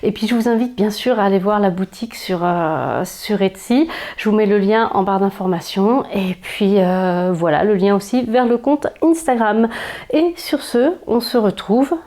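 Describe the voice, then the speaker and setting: A woman with a French accent chats enthusiastically about her houseplants, filling her talk with little hesitations. Her voice is mellow and warm, at an ordinary middle pitch for a woman. She is recorded casually at home, indoors. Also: normal speed. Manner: chatty, enthusiastic, frequent fillers. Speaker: plant vlogger. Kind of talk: casual chat.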